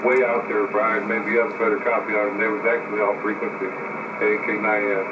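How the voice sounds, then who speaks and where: A man's voice: fairly low pitch, level tone, brisk. A man chatting on the air as a ham radio operator, heard through a slightly off-tune radio receiver, easygoing and rambling with fillers. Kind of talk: casual on-air radio chat. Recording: tinny radio line from far off with light static.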